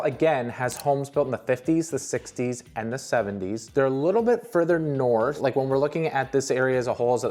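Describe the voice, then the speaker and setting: A man's voice: medium pitch, darkish tone. Man presenting a casual countdown over music. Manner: informal, repeats key phrases. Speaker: real estate video host. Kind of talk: top ten countdown presentation of neighborhoods.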